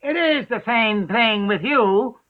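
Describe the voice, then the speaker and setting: A man's voice: extremely high pitch, lively intonation, slow, pitched above the performer's own voice, full character voice. A man voicing the Hatter, an eccentric, rude, riddling man, with an abrupt, theatrical delivery. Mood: excitable. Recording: narrow phone-like sound.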